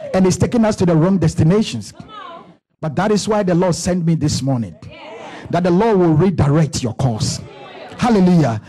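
A pastor in his thirties preaching a sermon on a church stage into a handheld mic, building to shouts with rhythmic repetition. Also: high voice, husky. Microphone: handheld microphone.

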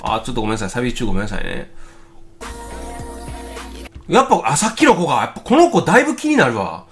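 A man with a Kansai accent hosts a casual reaction video, his voice leaping all over the place as he thinks out loud and bursts into exclamations. A music video plays faintly behind him. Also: medium pitch, quick pace. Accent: Kansai Japanese. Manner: excitable, thinking aloud with frequent exclamations. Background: faint music video playing.

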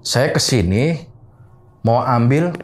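Speaking slowly in a mid-range voice, a man relates a scary experience from his boarding house in a relaxed way. He brings the story to life by performing what each person said.

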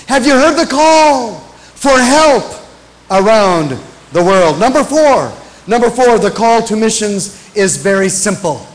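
A man's voice: high voice, sing-song, a little slow, rough recording. A middle-aged man who grew up in Africa, preaching an emphatic missions sermon from a church pulpit and repeating his key phrases. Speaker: pastor, guest missionary preacher. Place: large church stage at a pulpit. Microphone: pulpit microphone.

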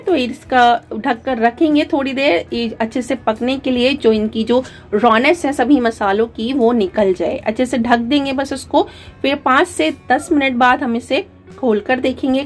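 A woman narrates a recipe as a channel host, her voice sitting a little high. She talks through each step calmly, pausing on fillers and mixing words into her speech. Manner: calm step-by-step instruction with frequent fillers.

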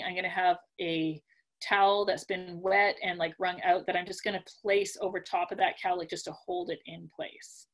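A middle-aged woman teaches dog grooming from home through a webinar on her laptop webcam, casually fielding questions. Her medium-pitched voice is fairly bright, and she's practical but chatty, saying um and like a lot and clearing her throat as she loses her voice.

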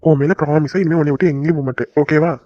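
A voice actor playing a gentle young son back home in a cartoon, reassuring his mother and sister. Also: mid-range voice, fairly even intonation, fast talker, no room sound, dull audio, close to an everyday voice. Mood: warm. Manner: soothing, reassuring. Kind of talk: cartoon voice acting.

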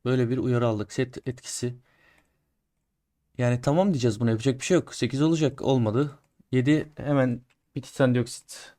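This man streams a game and keeps up casual, friendly commentary for his audience on every attempt, speaking fairly quickly in a steady tone and a middle pitch. His mood swings between grumbling at failures and cheering loudly at wins.

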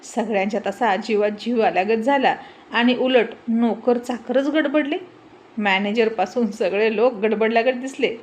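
A woman storyteller reading a folk-style tale aloud. Her narration is steady and expressive, with a voice pitched a little high. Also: normal speed.

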